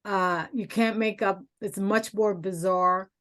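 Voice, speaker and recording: A woman joins an online workshop discussion, speaking hesitantly and starting her sentences over. Her voice is mid-pitched and plain, heard over a video call. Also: steady tone, takes it slowly, a bit bright. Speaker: workshop participant. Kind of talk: casual discussion.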